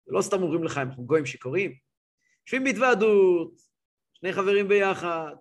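High-voiced rabbi telling an animated story. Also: male voice. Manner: animated, acts out scenes, repeats words. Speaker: rabbi teaching a class. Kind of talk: lively storytelling lesson.

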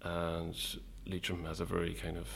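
A man with an Irish midlands accent talking casually and a little hesitantly as an interview guest, in a low-key, wry way. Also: monotone, normal speed, gravelly, slightly rough. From Longford, Irish midlands.

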